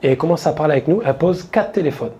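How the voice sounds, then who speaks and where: A man doing stand-up, telling a story in a casual, slangy way to a live audience, quoting his friends in quick asides. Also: a little high, mellow, slight background noise. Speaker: stand-up comedian. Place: stage before a live audience.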